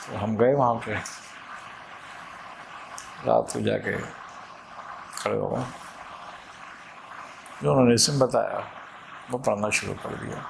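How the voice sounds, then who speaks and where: A Sufi sheikh from Pakistan telling a personal story in an animated way, acting out the voices of the people in it. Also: male voice, fairly low pitch, slow, creaky, pauses often, noisy background. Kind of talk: storytelling talk.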